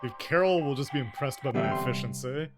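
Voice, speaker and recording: A man's voice: mid-range voice, lively intonation, a little fast. Blunt man casually commentating a game. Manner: blunt, slangy, wry. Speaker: gamer commenting on his playthrough. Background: game music.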